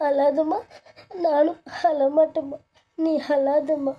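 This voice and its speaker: A woman's voice: high-pitched, flat delivery, takes it slowly, highs cut off, pitched above the performer's own voice. A woman voicing a tearful young pregnant daughter-in-law in a cartoon serial, talking meekly.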